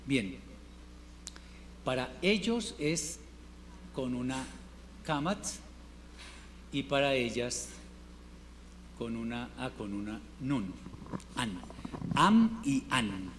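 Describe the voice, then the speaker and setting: A man teaching a Hebrew class, patiently drilling word forms and repeating them slowly for his students. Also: medium pitch. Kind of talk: classroom lesson. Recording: reverberant room with faint noise.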